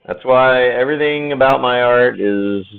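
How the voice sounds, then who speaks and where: A man's voice: medium pitch, moderate pace, gravelly, clean tone. A man painting during a live stream, chatting casually, laughing often and swearing freely as he answers viewers. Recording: tinny phone-like audio with faint music.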